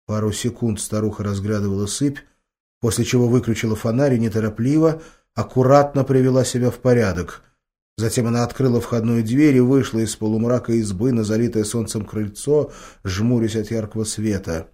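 A man narrating an audiobook in measured, expressive storytelling. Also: medium pitch. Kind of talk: scripted narration.

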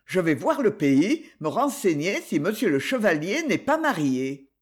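A man's voice: high voice, very animated, unhurried, breathy edge, exaggerated voice. A man voicing a fussy, penny-pinching creditor who frets and mutters to himself. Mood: fretful.

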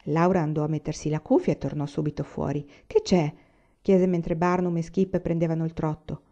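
A woman reading a novel aloud in a measured, even narrating voice. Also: deep voice, highs cut off. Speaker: audiobook reader. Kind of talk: storybook reading.

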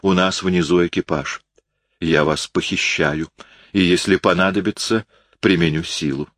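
A man's voice: deep voice, steady tone, unhurried, fairly bright tone, no echo, clean studio sound. A man reading an audiobook, voicing an affectionate young woman who chides and teases. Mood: playful. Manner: chiding, playful.

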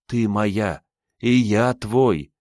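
A man's voice: on the low side, very slow, a little mellow, dry recording, studio quality, voice pushed up. A male audiobook reader voicing a passionate, remorseful man who makes fervent, repeated vows to his beloved.

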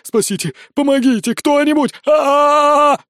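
A man's voice: high-pitched, slow pace, no echo, studio quality, pitched above the performer's own voice. A man doing a trembling, panicky chubby boy wizard. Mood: frightened. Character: chubby timid boy wizard-fairy, easily terrified.

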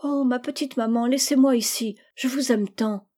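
A spoiled, sly little girl, put on by a woman reading aloud, pipes up in a raised, bright voice. She wheedles and pouts in a storybook reading, mellow at the core. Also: on the high side, fairly even intonation, moderate pace, voice pushed up, lightly acted. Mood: wheedling. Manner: wheedling and petulant.

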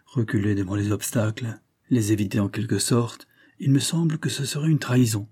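A man's voice: on the low side, fairly quick, a little mellow, breathy edge. A man reading the part of an earnest, principled young man. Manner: earnest, conscientious.

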